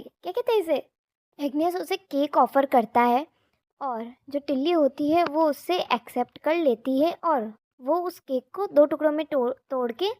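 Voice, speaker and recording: A woman's voice: high voice, a little mellow, no echo, clean studio sound. A woman casually retelling a manga story, chatty, mixing in English words and briefly speaking the characters' lines.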